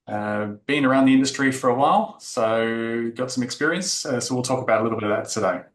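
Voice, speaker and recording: A man's voice: medium pitch, quick pace. A man from Australia giving a technical conference presentation, explaining with frequent fillers. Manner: explanatory, filler-heavy delivery. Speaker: tech talk presenter. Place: conference room. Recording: echoey conference room.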